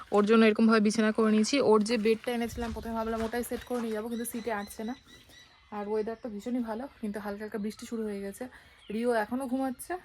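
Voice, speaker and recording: A woman talks to camera with a fairly high voice, chatty and easygoing as she walks viewers through her day. It's a casual family travel vlog with faint background noise under her words. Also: darkish tone. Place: resort room and car.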